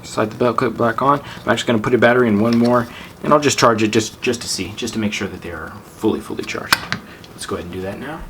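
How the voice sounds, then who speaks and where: A product review host with a lowish voice talks quickly and informally while demonstrating a gadget in a casual hands-on chat. The amateur camera audio is very noisy.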